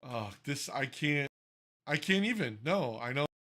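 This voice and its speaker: A man's voice: mid-range voice, animated, unhurried, sharp tone. A man co-hosting a casual podcast, ranting and swearing in exasperation, often restarting his sentences. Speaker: podcast co-host.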